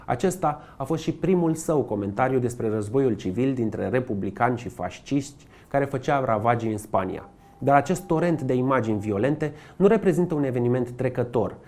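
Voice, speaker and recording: A man giving scripted documentary narration with a measured, even delivery. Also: medium pitch.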